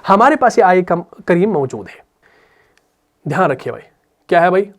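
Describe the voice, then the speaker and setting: High-voiced male Quran teacher. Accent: Urdu. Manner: lively explaining, repeats questions to students, slow melodic recitation. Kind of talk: tajweed lesson.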